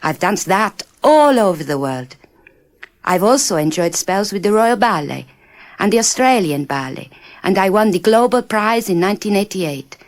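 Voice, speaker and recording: A woman's voice: medium pitch, lively intonation, normal speed, close to an everyday voice. A woman reading the part of a proud, acclaimed female principal ballerina in a scripted exam monologue.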